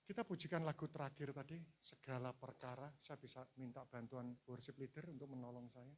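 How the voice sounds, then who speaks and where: A man's voice: medium pitch, brisk. A middle-aged man preaching a sermon, telling a personal story. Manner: animated storytelling, voice rising and falling. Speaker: pastor.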